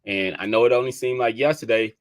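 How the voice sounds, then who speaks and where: A man's voice: mid-range voice, fairly even intonation, quick pace. Dc-guy hosting a podcast, chatty, says y'all a lot, keeps repeating his numbers. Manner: conversational, addresses listeners as y'all, repeats figures for emphasis. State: keeps sneezing. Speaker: podcast host and real estate agent. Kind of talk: casual talk to listeners.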